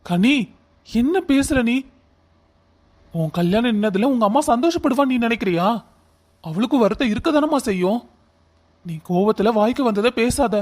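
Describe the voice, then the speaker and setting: A man's voice: very high-pitched, animated, normal speed, long pauses, a little mellow. A man playing a firm, protective cartoon father. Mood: consoling. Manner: firm, commanding.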